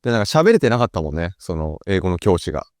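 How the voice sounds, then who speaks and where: A man's voice: low-pitched, sing-song, fast talker, a little mellow, no room sound, clean studio sound. A man hosting a casual chat, telling rambling stories with restarts and laughter into a VR headset mic. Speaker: host.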